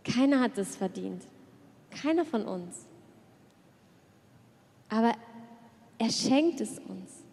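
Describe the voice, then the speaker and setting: A woman pastor preaching an earnest sermon, dropping to a hush at prayerful moments. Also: a little high, expressive, slow pace, creaky, pauses often. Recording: long reverb of a church hall.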